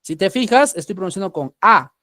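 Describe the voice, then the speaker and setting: A high-voiced man from Peru takes learners through a grammar lesson. He is patient, checks in often and repeats example words slowly. His voice sits close and dry on the mic, with no room around it. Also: expressive, sharp tone, no room sound. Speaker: English teacher.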